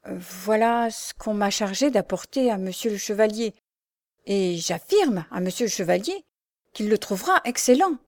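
A woman's voice: medium pitch, measured pace, mellow, dry recording, clean studio sound, natural voice. A woman voicing a timid, obsequious male jailer who stammers. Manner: obsequious, hesitant.

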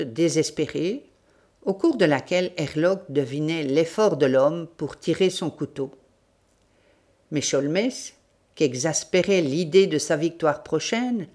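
A woman reading an audiobook with measured, dramatic storytelling. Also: low voice, darkish tone. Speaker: audiobook reader. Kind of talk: scripted narration.

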